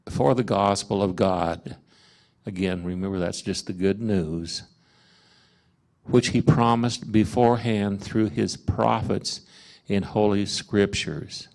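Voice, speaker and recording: A man leading a parish Bible study, explaining scripture in a halting way with many fillers and restarts. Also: fairly low pitch, creaky, darkish tone. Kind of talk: informal Bible study teaching. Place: parish meeting room.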